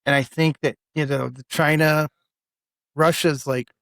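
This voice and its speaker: A man co-hosting a podcast in a casual political debate, talking excitably, swearing and stumbling over restarts. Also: a little high, measured pace, vocal fry, no echo. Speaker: podcast co-host.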